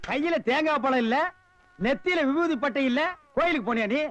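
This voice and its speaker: A loudmouth heckler in an old Tamil comedy film. His voice sits very high. He scolds, taunts and insults in a fast, cutting manner. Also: muffled recording, background noise. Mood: mocking. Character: sharp-tongued loudmouth man taunting beggars.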